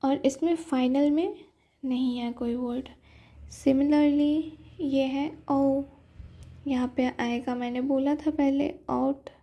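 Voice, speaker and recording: A woman teaching English pronunciation in a mix of Hindi and English, sounding out example words slowly and checking in with her listeners as she goes. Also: high voice, steady tone, warm tone. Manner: explains step by step, slows right down to sound out example words; checks in often with "ठीक है" and "okay". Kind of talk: classroom lesson, mixing Hindi and English.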